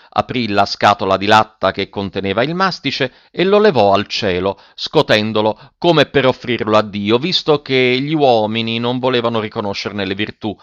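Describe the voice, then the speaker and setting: Male storyteller, animated reading, wide pitch swings, dry close sound. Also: dry recording, dull audio. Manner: dramatic, animated delivery. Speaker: narrator.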